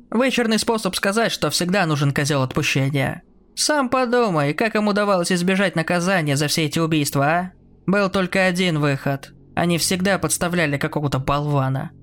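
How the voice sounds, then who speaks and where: A man's voice: fairly high pitch, fairly bright tone, close to an everyday voice. A man voicing a cold, taunting adult brother who mocks his sibling in a horror story reading. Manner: mocking and sneering.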